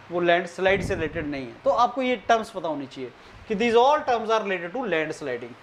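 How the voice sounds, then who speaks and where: An exam-prep tutor giving an online lecture, talking deliberately with frequent hesitations and repeating key terms for students. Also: medium pitch, a little hiss or hum.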